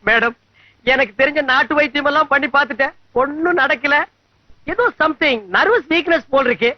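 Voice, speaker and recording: A rambling, sly comic man in a film scene who fusses and schemes. His voice is pitched high for a man. The sound is dry and dull, like an old film track. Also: normal speed, dry recording. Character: fussy panicky man plotting to hold a woman's hand. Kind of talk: film comedy dialogue.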